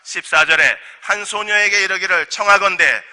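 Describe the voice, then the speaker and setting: High, bright-voiced pastor preaching. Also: male voice, moderate pace. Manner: animated, asks the congregation rhetorical questions. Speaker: senior pastor. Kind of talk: sermon at a midweek service. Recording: long church hall reverb.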